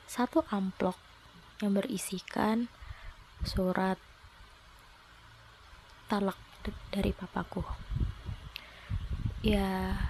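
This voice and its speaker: A woman in her twenties from South Sumatra, telling a personal story in a soft, reflective and slightly hesitant way. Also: mid-range voice, noisy background. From South Sumatra, Indonesia. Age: 20s. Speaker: vlogger.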